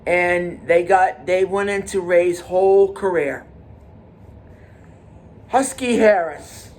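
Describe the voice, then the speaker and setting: A man of forty hosting his own podcast, talking in a halting, repetitive way with many restarts and fillers. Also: sits high. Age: 40s. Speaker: podcast host. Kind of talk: casual monologue.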